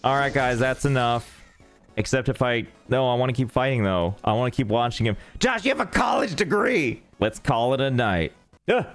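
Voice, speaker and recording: A man's voice: medium pitch, fairly even intonation, moderate pace, clear, resonant tone, soft background music. A man streaming a game, giving goofy, playful commentary full of exclamations. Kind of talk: let's play commentary.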